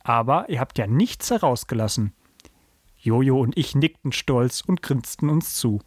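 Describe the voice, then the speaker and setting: A man's voice: medium pitch, expressive, moderate pace, husky, no room sound, clean studio sound. A man reading a children's Christmas story aloud as a podcast host, then chatting casually with his co-host.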